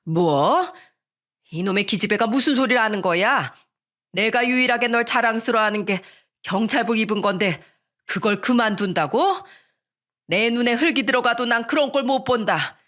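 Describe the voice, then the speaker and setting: A dramatic, stubborn middle-aged mother who scolds and moans her complaints in long drawn-out phrases, as a woman reads her in a radio story. Her voice climbs when she is upset, and she lingers on every sigh. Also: a little high, animated, a bit bright. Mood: scolding. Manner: exasperated wailing, drawn-out complaints.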